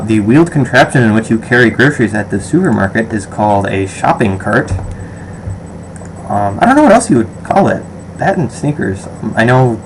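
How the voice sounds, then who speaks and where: A young male vlogger from western New York, with a western/upstate New York American accent, rambles casually through a survey vlog full of ums and restarts. His voice is fairly low-pitched against a noisy background.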